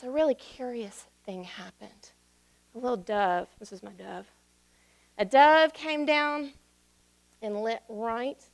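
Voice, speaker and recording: Slow, gentle woman giving a children's sermon. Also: a little high. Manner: gentle, playful, talks down to kids' level.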